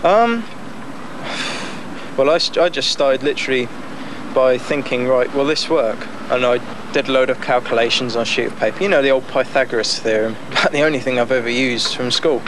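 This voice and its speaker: A young man talks easily about his own project, relaxed and a little cheeky, laughing between thoughts. He is recorded outdoors on a boat deck, and the 1990s news tape carries a clear layer of wind and water noise. His pitch sits mid-range for a man. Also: moderate pace. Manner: relaxed, chatty, laughs often, many fillers. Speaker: amateur boat builder. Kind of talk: casual interview.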